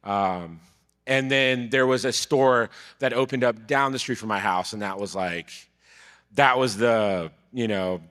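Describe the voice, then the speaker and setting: A man in his thirties from Brazil, telling his story as a podcast guest in relaxed, casual talk that trails off quietly. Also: on the low side, a little slow. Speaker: podcast guest, card vendor. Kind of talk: casual chat. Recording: live event hall with long reverb.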